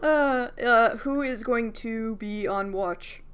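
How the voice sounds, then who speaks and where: A woman narrating as game master in a casual tabletop game, halting with many fillers and the odd swear. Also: on the high side, crowd noise.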